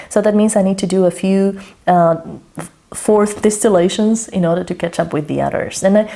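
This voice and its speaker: A Slovak-speaking woman with a warm, medium-pitched voice works as a language mentor, thinking aloud as she demonstrates her study routine. She's chatty, corrects herself as she goes, and keeps checking in with "okay?".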